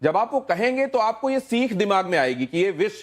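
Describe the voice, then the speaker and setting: A man's voice: high-pitched, very animated, fairly quick. A man anchoring a televised debate, pressing his guest with pointed, interrupting questions.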